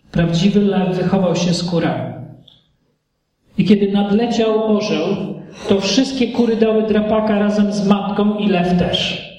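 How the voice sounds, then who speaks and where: A man preaching a sermon emphatically, with rhetorical questions and big swings in pitch. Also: warm tone. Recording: echoey hall from far off.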